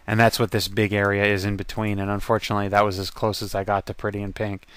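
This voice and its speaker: A man's voice: on the low side, level tone, quick pace, a bit bright, smooth, no echo. A man casually narrating a slideshow of his convention photos as a voice-over, chatty and rambling, with frequent ums and laughs.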